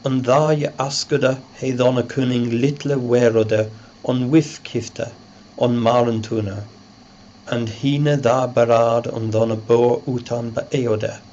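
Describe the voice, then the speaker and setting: A man reading an Old English chronicle aloud in a measured, scholarly recitation. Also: medium pitch. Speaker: reader and narrator. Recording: muffled lo-fi recording with loud background noise.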